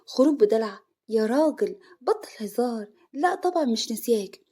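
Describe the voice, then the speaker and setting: A crafty young bride in an Egyptian family drama, speaking coyly and quickly, put on by a female narrator. Her voice sits at an ordinary pitch, pouting and sulky. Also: expressive, warm tone.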